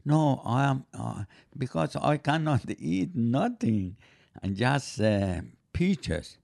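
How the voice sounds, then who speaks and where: An older man, not a native English speaker, chatting on a podcast in halting, broken English with many fillers. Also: medium pitch, big pitch swings, gravelly, a little mellow, dry recording, studio quality. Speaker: podcast guest, host's father. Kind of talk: casual chat.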